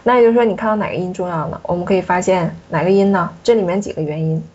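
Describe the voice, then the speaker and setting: A woman with a fairly low, slightly husky and breathy voice coaches a student on French pronunciation in a classroom, speaking rapid-fire yet a little mellow. She patiently goes sound by sound and keeps asking questions, captured on a dull, lo-fi recording.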